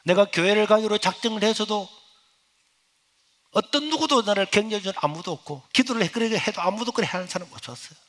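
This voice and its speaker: A middle-aged male pastor, preaching a sermon as personal testimony. He swings from loud exclamations to hushed, near-whispered lines. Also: high-pitched, expressive, fast.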